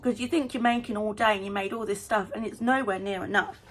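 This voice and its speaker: A woman vlogging in a casual, chatty way, talking fast and getting excited about small things. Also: medium pitch, a little hiss or hum. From United Kingdom. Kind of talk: casual vlog chat.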